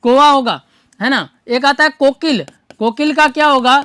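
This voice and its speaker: Woman teacher, slightly high voice, drilling questions and answers, close dry mic. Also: normal speed, a bit bright, no room sound. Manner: rhetorical questions answered at once, repetitive drilling. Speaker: Hindi grammar teacher. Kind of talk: exam-prep lesson explaining questions.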